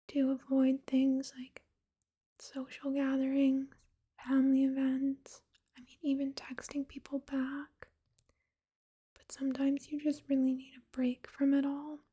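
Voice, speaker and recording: A woman with a high voice gives a gentle, reassuring ASMR pep talk entirely in a soft, unvoiced whisper.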